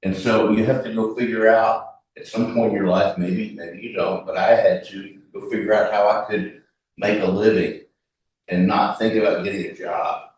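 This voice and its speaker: Low-voiced man, far off in an echoey room. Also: fairly even intonation, darkish tone. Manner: reflective, halting, restarts often. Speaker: workshop participant. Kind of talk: informal group talk.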